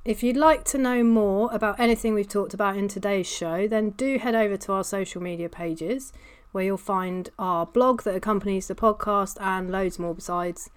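Female podcast co-host, mid-pitched, upbeat and chatty. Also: normal speed, clean tone. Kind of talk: casual podcast chat.

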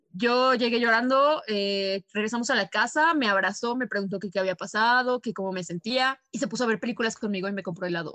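Fast-talking Mexican woman, dry close sound. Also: a little high, fairly bright tone, dry recording. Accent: Mexican Spanish. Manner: fast, slangy, frequent fillers and laughs. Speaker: podcast co-host. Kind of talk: casual personal storytelling.

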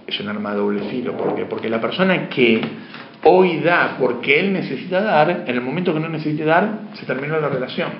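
A man's voice: a little high, lively intonation, brisk, slight background noise. Man lecturing in a roomy space. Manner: asks questions of the class, shifts between emphatic and hushed. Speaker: teacher. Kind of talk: spiritual classroom lecture. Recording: dull, roomy lo-fi room sound.

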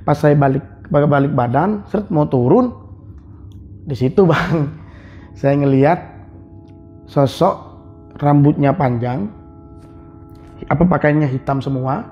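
A man who works as an online motorbike taxi driver, telling his experience in a casual, animated way, repeating himself and acting out sounds. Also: a little high, measured pace, pauses often. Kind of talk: casual spoken storytelling. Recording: dull lo-fi sound with faint music.

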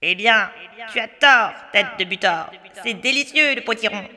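Woman playing a shrill gloating storybook witch, spiteful and boastful, sharp bright tone, long hall echo. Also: expressive, moderate pace.

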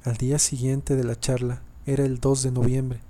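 A man narrates a scary family story in a low, mellow voice. His delivery stays flat and even, and he often trips over lines and starts them again. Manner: reads haltingly, often restarting and repeating sentences. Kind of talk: scripted horror story narration.

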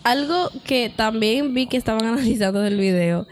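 A woman's voice: a little high, normal speed, slight background noise. A woman co-hosting a casual podcast chat, speaking hesitantly with many fillers and restarts. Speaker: podcast co-host.

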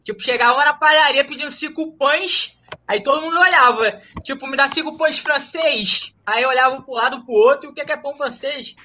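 There's a little hiss or hum on this recording of a man with a very high, bright, forceful voice speaking fairly quickly. With a Ceará accent from his upbringing there, though he's from Rio, he casually tells an interviewer on a call about starting his running humor group, using slang, jokes and frequent tag questions.

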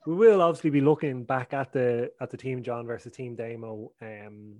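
A man's voice: mid-range voice, moderate pace, a little mellow, dry recording. Man, podcast co-host, loose rambling delivery, dry close sound. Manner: rambling, filler-heavy, jokey. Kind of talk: casual podcast chat.

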